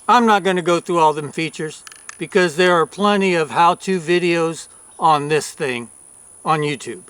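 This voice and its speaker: A man's voice: a little high, moderate pace, fairly bright tone, smooth, dry recording. A man giving a casual, plain-spoken video review as a rancher, recorded outdoors.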